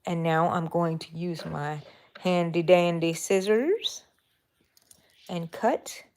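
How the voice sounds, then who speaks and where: Low, dark-toned and slow, her voice comes with a faint hiss or hum. The Texas woman is streaming crochet live from her bedroom, easygoing and talkative, thinking out loud and speaking to her yarn as she goes.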